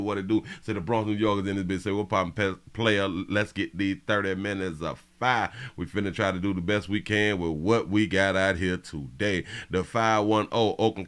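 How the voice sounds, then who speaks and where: Man casually hosting a livestream. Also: on the low side. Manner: shouting out viewers by area code, slangy and loose. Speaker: livestream host.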